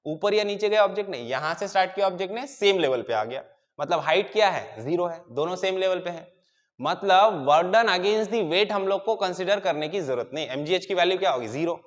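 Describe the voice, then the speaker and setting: A man's voice: high voice, brisk, big-room sound. A man lecturing on engineering mechanics, explaining each step and checking in with his students. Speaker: engineering teacher. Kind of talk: whiteboard lecture.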